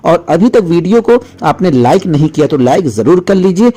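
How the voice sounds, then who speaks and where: A man's voice: a little high, sing-song, moderate pace, dark tone. A man teaching English vocabulary in Hindi, patiently repeating each word with its meaning and addressing viewers as friends. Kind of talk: explaining vocabulary lesson in Hindi.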